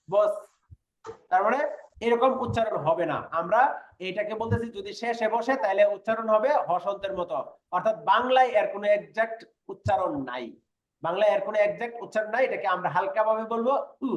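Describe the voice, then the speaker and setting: A man's voice: high-pitched, roomy sound. A man teaching a language class online, patiently explaining and repeating sounds and checking that his students follow.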